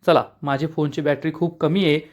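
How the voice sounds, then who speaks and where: A man's voice: on the high side, fairly even intonation, moderate pace, a little mellow, lightly acted. A man voicing an upset landowner who lectures about family duty. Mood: reproachful. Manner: lecturing, reproachful. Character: upset landowner scolding on a phone call.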